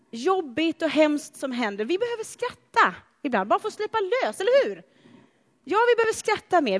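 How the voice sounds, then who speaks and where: A woman with a high, bright-pitched voice delivers a sermon. She talks in a chatty, animated way and turns to the congregation with playful asides. Her voice rings with the long reverb of a church. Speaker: preacher.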